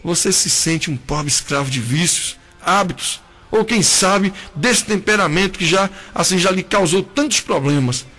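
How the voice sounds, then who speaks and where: A man's voice: high voice, normal speed, sharp tone, soft background music. A man preaching an emotional, pleading sermon.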